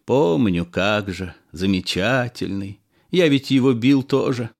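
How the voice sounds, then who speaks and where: A man's voice: on the low side, unhurried, creaky. A man voicing a sentimental former police officer who exclaims and reminisces. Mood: reminiscing.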